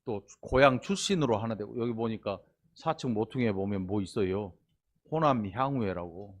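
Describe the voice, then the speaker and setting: A middle-aged male pastor from Korea's Honam region preaches in a folksy, playful manner, his voice on the low side and his speed normal. He keeps pausing to quiz and tease his congregation with asides and questions.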